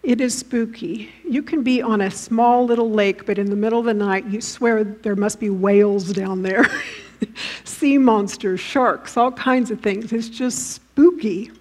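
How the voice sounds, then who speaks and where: A woman's voice: a little high, steady tone, unhurried, darkish tone. A woman preaching a sermon who has listeners picture the scenes she describes and often asks them direct questions. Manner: vivid, inviting listeners to imagine scenes.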